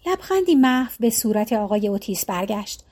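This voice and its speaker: A woman reading a novel aloud with even, measured narration. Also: medium pitch. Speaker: audiobook narrator. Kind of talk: scripted narration.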